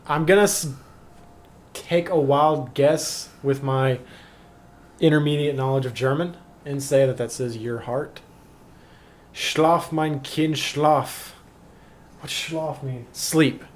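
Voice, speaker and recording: A man playing a horror game on a let's play, joking, swearing a lot and reading game notes aloud haltingly. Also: mid-range voice, steady tone. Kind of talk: casual gameplay commentary.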